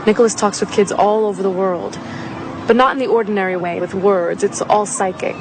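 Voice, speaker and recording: A woman's voice: mid-range voice, fairly even intonation, fairly quick, background noise, natural voice. A woman acting as a middle-aged mother of a psychic boy, earnest and explanatory, in a naturalistic film drama. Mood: earnest, confiding.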